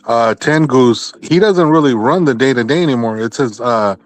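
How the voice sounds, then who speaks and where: A man's voice: medium pitch, normal speed. A man from California explaining things casually in a group boxing chat.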